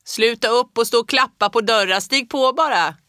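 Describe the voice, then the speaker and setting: A woman's voice: mid-range voice, steady tone, fairly bright tone, clear, resonant tone, no echo, clean studio sound, close to an everyday voice. A woman reading the part of a hearty older man who calls out across the house. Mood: jovial.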